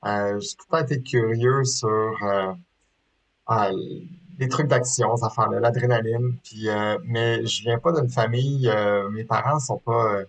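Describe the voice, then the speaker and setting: Appearing as an interview guest, a Québécois sport shooter in his thirties chats casually in a mid-range voice with fairly even intonation, taking his time. He's from Quebec, Canada, with a Québécois French accent, and he hesitates a lot, using many fillers and restarts.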